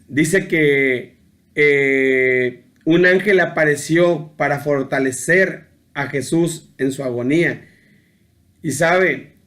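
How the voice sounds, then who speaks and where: A middle-aged man preaches an informal sermon in a somewhat high voice. He talks loosely, stumbling over words and restarting. He keeps tagging his sentences with a question to the listener. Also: fairly bright tone. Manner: keeps adding a questioning tag, with hesitant restarts. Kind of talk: informal sermon on a Bible passage.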